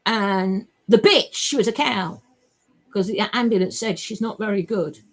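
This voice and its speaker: Brief: woman, husky, unhurried, emotional and rambling, salty language. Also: medium pitch. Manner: emotional, rambling, swears freely. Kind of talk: rambling personal monologue.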